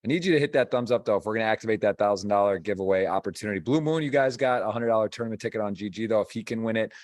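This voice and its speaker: Low-voiced man calling poker. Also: racing. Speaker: poker commentator and stream host. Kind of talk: live poker tournament commentary, conversational.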